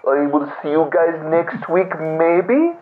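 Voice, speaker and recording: Figure: a man doing a bumbling male prison inmate. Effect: over a landline phone. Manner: halting, stammering, slow, lively pitch. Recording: tinny phone line, faint hiss. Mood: rambling.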